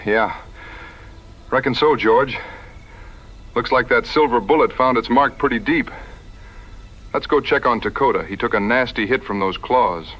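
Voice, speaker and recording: An actor playing Davy Crockett, a rugged, plainspoken, humble frontier hunter with folksy phrasing in an audio adventure drama. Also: male voice, mid-range voice, moderate pace, long pauses, a bit bright, lightly acted. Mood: steady, concerned.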